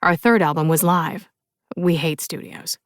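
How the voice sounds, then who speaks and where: A woman narrator voicing a laid-back young male rock musician in an audiobook, speaking calmly and softly. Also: fairly low pitch, a little slow, dry recording, studio quality, close to an everyday voice. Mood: earnest. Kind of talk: audiobook character voice.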